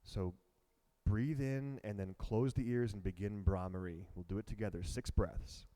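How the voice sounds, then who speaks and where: A man with a lowish, mellow voice leads a guided meditation. He talks slowly and softly, in calm, measured instructions. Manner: slow, calm and soft-spoken. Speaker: meditation teacher.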